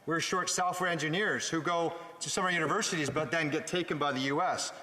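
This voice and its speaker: Bright-voiced Canadian man speaking in an echoey parliament. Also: a little high, quick pace. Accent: Canadian English. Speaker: member of parliament. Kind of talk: parliamentary speech. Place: large indoor legislative chamber. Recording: echoey chamber with long reverb.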